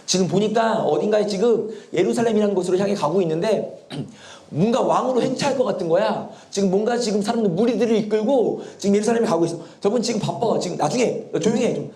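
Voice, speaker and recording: A man voicing scolding male bystanders who brusquely hush someone. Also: high-pitched, fast talker, pitched above the performer's own voice. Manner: brusque, hushing. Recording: echoey church hall.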